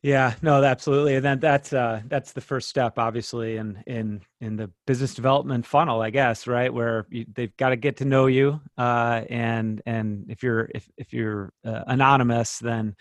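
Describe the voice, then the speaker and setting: A man's voice: medium pitch, fairly even intonation, moderate pace, hardly any pauses, no echo. Easygoing male podcast host, dry sound. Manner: easygoing, with many fillers and restarts while wrapping up. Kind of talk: casual podcast interview.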